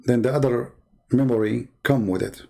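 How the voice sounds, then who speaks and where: A middle-aged man from the Middle East, a native Arabic speaker, hosts a live-stream lecture in a medium-pitched, warm, creaky voice at normal speed. He speaks emphatically and repetitively, firing rhetorical questions at his viewers.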